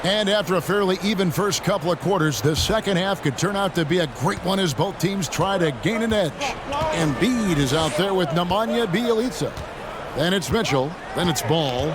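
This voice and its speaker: A man calling basketball play-by-play for a video game in a crisp, steady commentary style. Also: sits high, normal speed. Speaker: play-by-play announcer. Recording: heavy background noise.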